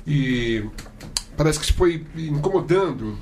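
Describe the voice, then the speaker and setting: Man, gravelly, slightly high voice, animated roundtable talk, from Brazil. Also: a little hiss or hum. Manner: animated, mimics people in quick voices. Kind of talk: casual roundtable chat.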